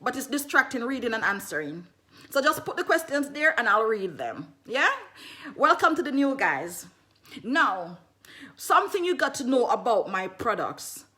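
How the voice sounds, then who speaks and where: A woman's voice: a little high, normal speed. A Jamaican woman selling her herbal skincare products in a casual livestream, greeting viewers as she talks and repeating herself. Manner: greets viewers mid-sentence, repeats phrases, animated.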